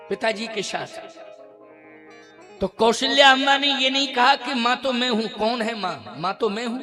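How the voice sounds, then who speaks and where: High, bright-voiced man preaching slowly. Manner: exhorting, emphatic, repeats phrases. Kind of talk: devotional sermon with chanted verses.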